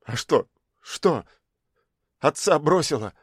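A man's voice: fairly high pitch, lively intonation, slow, breathy edge, no echo, studio quality, heavily acted. A man reading an audiobook, voicing a reserved teenage boy who grumbles resentfully.

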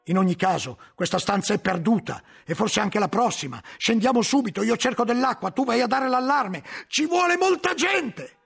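A man voicing an alarmed, learned friar, shouting urgently in a strained, gravelly voice. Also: very high voice, lively intonation, normal speed, hardly any pauses, voice pushed up, exaggerated voice.

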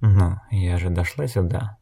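Calm blind woman who collects souls, slow even talk, a guy reading it in a low voice. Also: breathy edge, heavily acted. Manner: calm, measured, unhurried.

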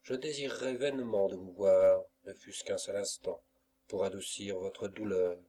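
A man's voice: low-pitched, steady tone, moderate pace, mellow. A man voicing an anguished young lover who pleads earnestly, in an audiobook. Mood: pleading.

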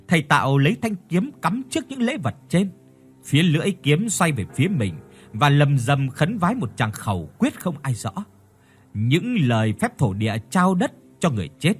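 A man narrating a ghost story with a husky, somewhat high voice and lively intonation. He tells it in a measured, descriptive way while faint music plays underneath.

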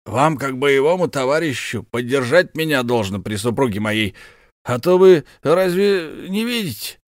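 A man's voice: mid-range voice, expressive, moderate pace, no echo, studio quality, voice pushed up, close to an everyday voice. A man voicing a blustering, hot-tempered, slightly drunk count who hosts a ball, speaking in effusive, theatrical exclamations. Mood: indignant. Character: blustering tipsy middle-aged count, host of a ball.

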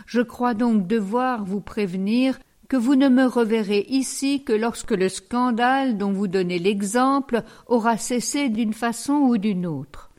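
A woman's voice: a little high, unhurried, few pauses, darkish tone, natural voice. A woman voicing a stern, firm older priest who reproves a parishioner, in a read storybook.

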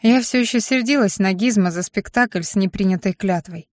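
A woman narrating a first-person fantasy audiobook in an expressive storytelling manner. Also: mid-range voice, moderate pace, no room sound, studio quality.

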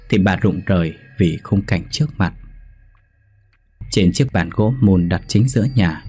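A man narrating a horror story in a measured, suspenseful way. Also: low-pitched, slightly rough. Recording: soft background music.

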